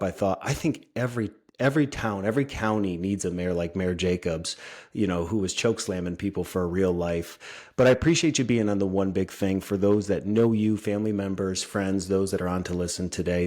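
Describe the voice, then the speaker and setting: A man in his thirties hosts a casual podcast interview with a deep, low-pitched voice. He sounds upbeat and chatty, leaning on the odd filler as he talks. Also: darkish tone. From upstate New York. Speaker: podcast host.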